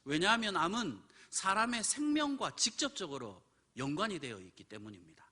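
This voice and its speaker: A man's voice: high voice, normal speed. A male pastor preaching a midweek sermon, telling a personal story and acting out the voices of the people in it. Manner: animated storytelling, acts out quoted voices. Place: church.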